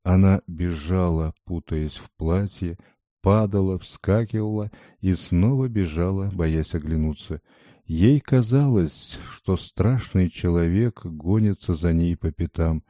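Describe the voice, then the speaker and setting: A man reading a fairy tale aloud in a measured, dramatic way, scripted storybook narration. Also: deep voice, dark tone, no room sound, clean studio sound. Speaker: audiobook reader.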